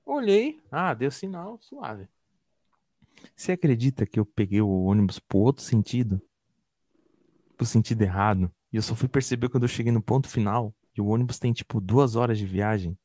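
A man's voice: medium pitch, normal speed, no room sound, clean studio sound. A young man from Brazil telling a story in a casual chat, slangy and swearing, acting out what other people said. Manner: animated storytelling, slangy and profane, acts out others' lines.

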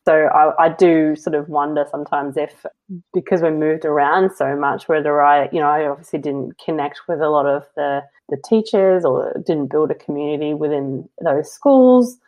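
A New Zealand woman with a low-sitting voice speaks at a moderate pace as a guest in a casual conversational interview. She talks openly and reflectively, rambling a bit, with lots of fillers and soft laughs.

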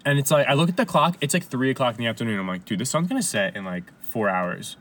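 A man telling a long story in casual chat, animated and full of swearing and laughter. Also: medium pitch, quick pace.

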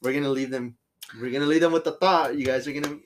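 A man's voice: mid-range voice, steady tone, fast, slight background noise. A drunk man hosting a podcast in casual, slangy, sweary chat. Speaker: podcast host.

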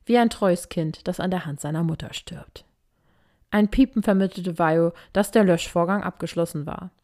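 A woman reads a story aloud with a steady, even delivery. Her voice sits slightly low for a woman. She narrates the action at a calm pace. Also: normal speed. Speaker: fan fiction reader.

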